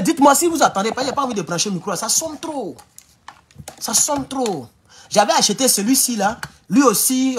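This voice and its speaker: A man with an Ivorian French accent, speaking loudly and mockingly in a rambling live stream from his home, talking straight into his phone with no external mic. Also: high voice, slight background noise. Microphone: phone without external mic.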